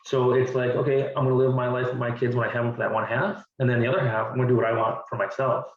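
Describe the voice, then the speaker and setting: An earnest man in his forties, a guest in a candid conversational interview, races through his words in a flat, mid-range voice and repeats himself while thinking. The recording sounds distant, roomy and dull.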